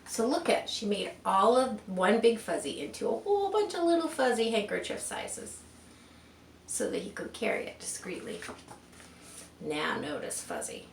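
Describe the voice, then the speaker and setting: This woman reads a picture book aloud to children in a mid-range, sing-song voice at a moderate pace. She is expressive, breaking off for chatty asides and rhetorical questions. Her recording is roomy and distant, with a faint hum of background noise.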